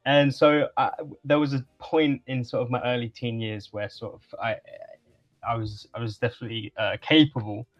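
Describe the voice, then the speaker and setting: A man's voice: mid-range voice, little pitch movement, normal speed, dull audio. Hesitant young man on a video call. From England. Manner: hesitant, many fillers and restarts. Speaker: guest. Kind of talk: casual interview conversation.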